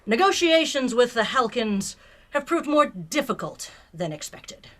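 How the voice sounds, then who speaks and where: A woman playing a principled, composed female starship captain in a sci-fi fan audio drama, speaking in a measured, formal way. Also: on the high side, sing-song, fairly bright tone. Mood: formal, reflective.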